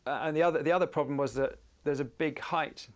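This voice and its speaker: A man's voice: a little high, fairly even intonation, fast, slight background noise. A man speaking on a panel as a camera operator, thoughtful and searching for his words. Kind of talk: panel discussion answer. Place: event in front of an audience.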